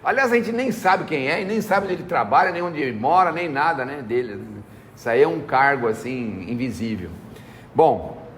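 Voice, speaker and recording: A man's voice: medium pitch, animated, moderate pace, a bit bright, big-room sound, a little hiss or hum. A man with a Brazilian accent giving a folksy spiritual talk, telling anecdotes, acting out voices, and asking "né?" again and again. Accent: Brazilian Portuguese. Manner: folksy storytelling, acts out quoted voices, frequent "né?". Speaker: spiritist lecturer.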